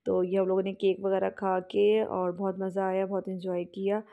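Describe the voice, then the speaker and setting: A young woman talks her viewers through a family outing in a relaxed voice-over. Her delivery rambles along with fillers and small restarts, and her pitch stays mostly level throughout. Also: moderate pace, vocal fry. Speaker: vlogger.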